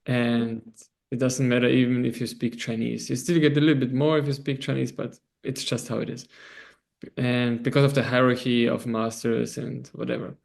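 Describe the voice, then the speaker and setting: Austrian German-accented man, gravelly voice. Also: mid-range voice, flat delivery, a little mellow. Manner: laughs often, rambling with frequent pauses. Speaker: guest. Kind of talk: casual interview over video call. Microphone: video call.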